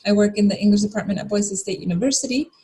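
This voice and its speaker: Woman co-host from Bosnia and Herzegovina, slightly breathy, friendly welcome read. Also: mid-range voice, rapid-fire, mellow, poor audio. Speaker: event co-host. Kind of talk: scripted welcome address.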